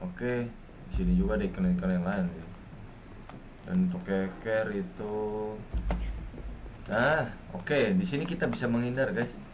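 A man's voice: on the low side, measured pace, pauses often. A young man with an Indonesian accent giving casual gameplay commentary as a streamer. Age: young adult. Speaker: gaming streamer. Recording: muffled, noisy with game audio.

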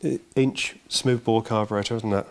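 A man's voice: lowish voice, fairly even intonation, moderate pace. A middle-aged English man with a handheld mic, interviewing a mechanic in a workshop, prompting eagerly with tag questions. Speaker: channel host interviewing a mechanic. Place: indoor motorcycle workshop. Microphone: handheld microphone with windscreen.

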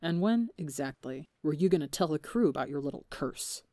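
Here a storybook reader gives voice to a young male pirate crewman full of bitterness and resentment, hurling accusations loudly. The natural, medium-pitched voice is expressive, fairly quick and dark in tone, captured dry at studio quality.

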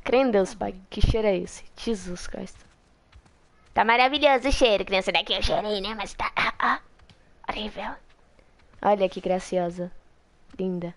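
A young Brazilian woman giving excitable, laughing live commentary as she plays a video game, hushing her viewers in mock drama and mixing in English words. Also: mid-range voice, normal speed, pauses often. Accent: Brazilian Portuguese. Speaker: streamer playing a video game. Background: game music playing.

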